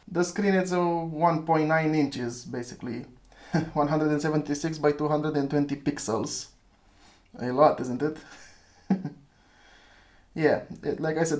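A retro phone reviewer, a native Romanian speaker, chats his way through a hands-on gadget review, thinking aloud and chuckling at his slip-ups. His slightly mellow voice sits a little higher than most men's.

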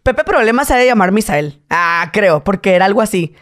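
A man in his late twenties from Tijuana with a northern Mexican accent, a guest in a casual interview, telling animated stories and slipping into high voices to mimic people. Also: fairly quick. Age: late 20s.

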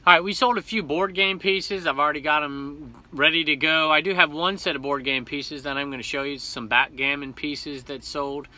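A man's voice: fairly high pitch, fairly even intonation, moderate pace, few pauses, pushed and bright. A man in his forties talking casually about his resale finds, upbeat and rambling, filmed at arm's length in a small cluttered room at home. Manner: chatty, upbeat, rambling with self-corrections. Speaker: reseller vlogger. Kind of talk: casual haul vlog.

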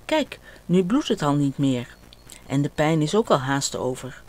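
An older woman voicing a gentle, patient mother with a soothing tone in a children's story. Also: sits low, big pitch swings, a little slow. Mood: caring.

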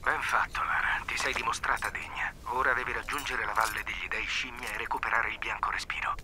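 A man's voice: on the low side, fairly even intonation, a little fast, lightly acted. An actor playing a solemn man who guides a heroine on her quest in a video game. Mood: solemn, approving. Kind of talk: dramatic video game acting. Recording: clearly noisy, distant sound.

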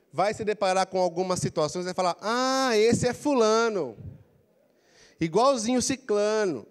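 A middle-aged Brazilian man with a handheld mic, giving an animated career coaching lecture in a large auditorium, prompting the audience to repeat phrases. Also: high-pitched. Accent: Brazilian Portuguese. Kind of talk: lively motivational lecture. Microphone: handheld mic, walking the floor.

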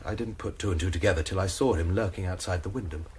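Low, fast and slightly rough, the voice belongs to an actor in a BBC radio drama. He's playing a young student suspect who anxiously rambles as he recounts his story.

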